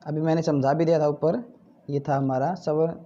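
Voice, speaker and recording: A man's voice: a little high, flat delivery, moderate pace, dark tone, dull audio. A male Hindi teacher patiently working through textbook exercises, asking questions and answering them himself. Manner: patient, repeats "ठीक है" and "भाई", asks then answers.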